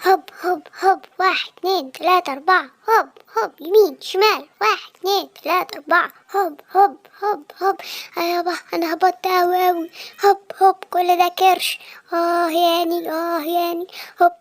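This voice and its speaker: A woman voicing a whiny fat male cartoon cat with an Egyptian Arabic accent, wailing and counting loudly as he exercises. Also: steady tone, fast talker. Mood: puffing. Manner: wailing, loud and high, counting aloud while exercising. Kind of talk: children's cartoon voice acting.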